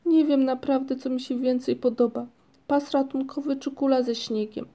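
A woman's voice: on the high side, lively intonation, normal speed, creaky, warm tone, breathy edge, heavily acted. A woman reading a storybook, voicing a small, fretful, greedy young male creature who whines and pleads. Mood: pleading. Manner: whiny, pleading.

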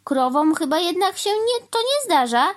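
Woman doing a fussy old crow guy, squeaky high and swoopy, spelling everything out slow. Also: big pitch swings. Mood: exasperated. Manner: lecturing, slow and overly clear. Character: fussy, pedantic male crow neighbour. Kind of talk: storybook reading.

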